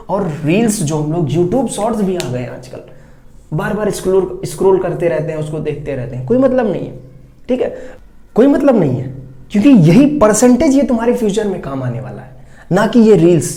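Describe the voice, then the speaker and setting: Mellow teacher in an echoey room. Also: medium pitch. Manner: keeps checking in with "ठीक है", direct and advising. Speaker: teacher giving board exam tips. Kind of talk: casual classroom-style talk.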